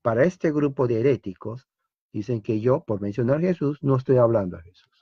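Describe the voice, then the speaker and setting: A man's voice: medium pitch, a little fast, warm tone, husky, no room sound. A man teaching a theology lecture as a Bible teacher, emphatic and full of rhetorical questions, on a dull lo-fi recording.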